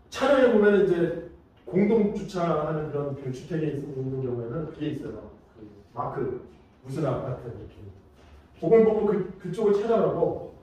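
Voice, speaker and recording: Guy teaching a training class, tells stories, acts bits out, higher voice, big echoey hall, mic kinda far. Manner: lively storytelling with acted-out examples. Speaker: safety instructor. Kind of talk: training lecture. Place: large lecture room.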